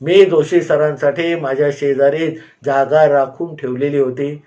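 A man telling a personal school memory in an unhurried way, often pausing to explain himself with asides. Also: a little high, fairly even intonation, dark tone. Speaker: storyteller. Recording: slightly dull, lo-fi sound.

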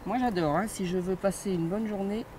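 In a mid-range voice at a fairly quick clip, an older woman chats casually while fishing outdoors on a riverside platform. As president of an angling club, she's chatty, cheerful and quick to laugh, with steady noise running through the recording.

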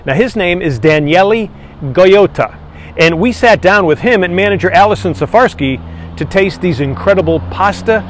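A man's voice: high-pitched, expressive, normal speed, a little hiss or hum. A man in his fifties hosting and narrating a scripted local TV report. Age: 50s. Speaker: reporter and host. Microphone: lapel mic.

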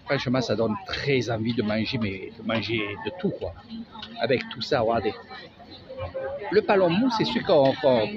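A man with a Marseille accent, chatty and sing-song, giving a casual walking tour of an outdoor market as a travel vlogger. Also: mid-range voice. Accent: Marseille French. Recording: dull lo-fi audio with music.

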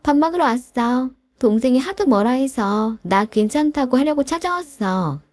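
A woman's voice: high-pitched, expressive, moderate pace, a little mellow, no echo, pitched above the performer's own voice. A woman voicing a pushy, presumptuous older sister-in-law who talks down to her family. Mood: bossy.

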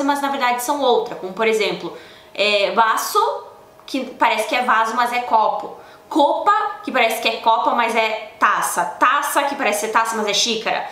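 A woman's voice: on the high side, fairly bright tone, reverberant. Chatty woman teaching. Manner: chatty, many filler "né?" tags, self-correcting. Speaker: Spanish teacher. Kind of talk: casual video lesson.

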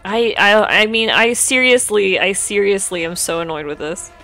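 A woman livestreaming a game and narrating every moment to herself, bluntly and with plenty of swearing. Her voice has a bright, forceful edge. Quiet music plays underneath. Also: medium pitch, moderate pace. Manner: blunt and profane, talks to herself. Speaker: streamer. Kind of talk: live gameplay commentary.

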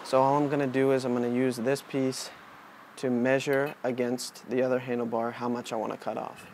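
Talking a little fast at medium pitch, a man in his twenties demonstrates a DIY task hands-on, casually and unscripted, on a wooden porch outdoors; the camera audio carries steady background noise.

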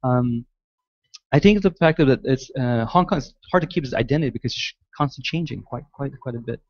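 Here the Malaysian-born, US-raised guest architect sounds a little mellow, his mid-range voice moving a little fast as he responds to audience questions in a large lecture hall. His answers are halting and full of restarts. It's a dry recording with the highs cut off.

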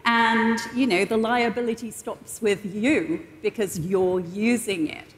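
A woman's voice: on the high side, steady tone, unhurried. Woman echoing through a large hall. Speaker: guest expert on AI ethics. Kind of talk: on-stage interview, advisory explanation. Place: large indoor conference stage. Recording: echoey hall with long reverb.

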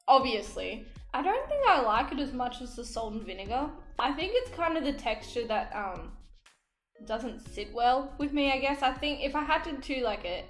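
Young Australian woman, vlogger, giggly and chatty, slightly high voice, roomy echo with light music under her. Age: young adult. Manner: giggly, chatty, lots of fillers. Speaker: vlogger taste-testing snacks. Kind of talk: casual on-camera chat. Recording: echoey room, faint music.

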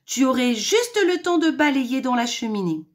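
A woman voicing a sly, clever mother hen in a children's storybook reading, brisk and bossy while she schemes. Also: high voice, lively intonation, voice pushed up.

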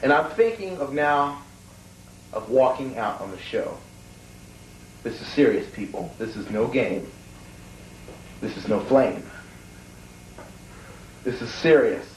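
A man's voice: mid-range voice, lively intonation, slow, pauses often. A man hosting a homemade comedy sketch show, giving an indignant, mock-serious rant that stammers now and then. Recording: echoey, distant, slightly noisy room.

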